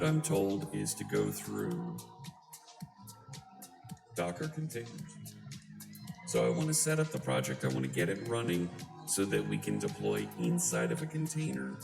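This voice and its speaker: A live coding streamer talking through a voice changer that shifts the voice deep, chatting casually with a wry, self-deprecating manner. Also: creaky. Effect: deep pitch-shifting voice changer. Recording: roomy sound with music behind. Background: background music.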